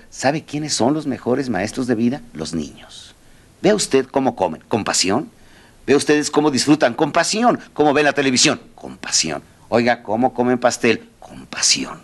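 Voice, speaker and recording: A man giving a motivational talk, telling a story and speaking straight to the audience. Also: medium pitch. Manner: animated, addresses the audience directly.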